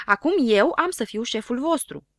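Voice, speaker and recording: Woman putting on a high shrill little boy, boastful, bossy, storybook, dry sound. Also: animated, a bit bright, dry recording. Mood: excited bossy.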